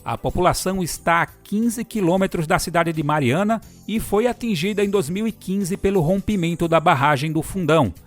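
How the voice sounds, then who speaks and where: A man's voice: sits high, moderate pace, hardly any pauses, soft background music. A man hosting a radio program, presenting in a friendly, upbeat scripted style that speaks straight to the listener.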